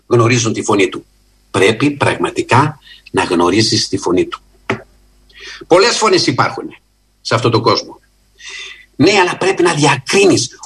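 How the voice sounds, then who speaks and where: Earnest husky-voiced male preacher. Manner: earnest, emphatic, with lively rises in pitch and slow stressed phrases. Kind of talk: sermon.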